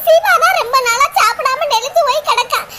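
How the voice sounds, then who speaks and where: A woman's voice: animated, brisk. A woman voicing several characters in a cartoon comedy dub. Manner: high squeaky voice. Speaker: cartoon voice artist. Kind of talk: Tamil cartoon comedy dubbing. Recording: loud background noise.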